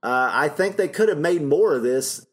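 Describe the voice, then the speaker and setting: A man's voice: fairly high pitch, animated, moderate pace. A man co-hosting a podcast, talking casually about a film and filling his talk with "you know" and laughs. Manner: rambling, with many fillers and laughs. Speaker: podcast co-host.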